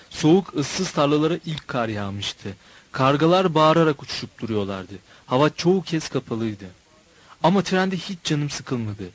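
A man narrating a novel in a measured, expressive storytelling voice. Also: medium pitch, poor audio. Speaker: audiobook narrator.

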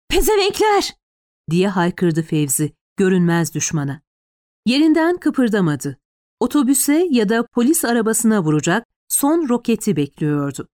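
A woman's voice: medium pitch, darkish tone, no room sound, clean studio sound. A woman narrating a tense, dramatic audiobook.

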